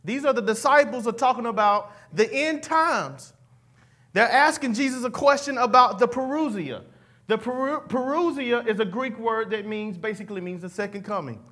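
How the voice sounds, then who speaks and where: High, bright-voiced preacher. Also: male voice, moderate pace. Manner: call-and-response preaching, folksy asides. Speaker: pastor. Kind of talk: sermon.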